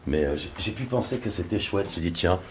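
A man's voice: deep voice, animated, brisk, crowd noise. A man visiting an elderly woman at home, talking in a hesitant way with repeated words, then reading a poem aloud with feeling. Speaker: visiting artist.

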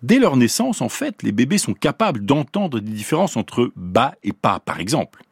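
A man from Paris giving a scripted radio explanation as a science columnist, in a clear teaching tone that slows down to pronounce examples. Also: medium pitch, big pitch swings, dry recording, studio quality. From Paris, France.

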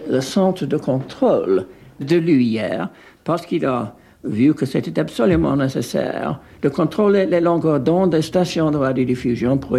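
A man's voice: mid-range voice, gravelly, warm tone. A man recalling the past in a hesitant way, with many restarts. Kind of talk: spontaneous recollection.

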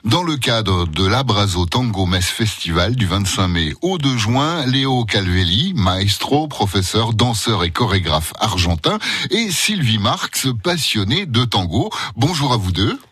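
Low, husky-voiced male radio host. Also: big pitch swings, measured pace, a bit bright, dry recording, clean studio sound. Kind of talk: radio interview presenting.

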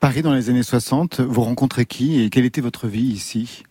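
A man hosting a radio music show, asking brisk, attentive questions. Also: mid-range voice, warm tone, husky, no echo, studio quality. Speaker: radio host. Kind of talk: radio interview.

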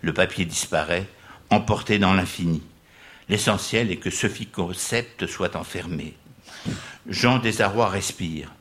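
A man's voice: deep voice, a little slow, fairly bright tone. Man reading a comic tale with dry amusement. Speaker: writer reading his own chapter aloud. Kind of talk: reading a comic story aloud to a live audience. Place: radio studio with live audience.

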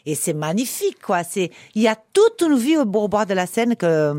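A woman speaking French with a foreign, non-Parisian accent chats casually as a guest in a radio interview, effusive and emphatic. Her medium-pitched, warm voice is very animated at a moderate pace. The studio sound is close, dry, and clean, with no echo.

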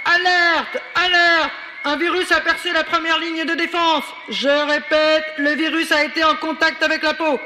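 A man's voice: extremely high pitch, level tone, moderate pace, big-room sound, crowd noise, noisy background. A man playing an immune system commander who barks urgent orders to his units like a police radio dispatcher, in a children's news sketch.

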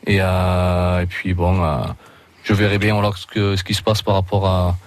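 A man's voice: low voice, completely flat delivery, normal speed. A man in his thirties with a Roussillon French accent, a rugby league player talking casually as a radio guest, hesitant and full of restarts.

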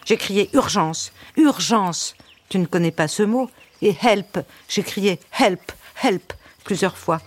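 A woman's voice: medium pitch, expressive, slow. A woman voicing a bossy, tearful and vain male duck in a storybook reading, with a nasal, sniffling, indignant voice.

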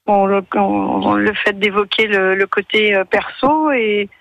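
A woman's voice: medium pitch, fairly even intonation, measured pace, gravelly, dry recording. A woman calling in to a radio show over a phone line with a bad connection, talking hesitantly and searching for her words. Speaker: radio caller. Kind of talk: phone-in chat.

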